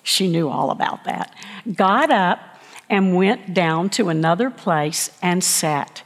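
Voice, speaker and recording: Slow, emphatic woman preacher in a reverberant hall. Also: fairly low pitch, lively intonation. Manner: slow, emphatic, dramatic pauses. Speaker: pastor. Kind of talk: sermon storytelling. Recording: long reverb of a large hall.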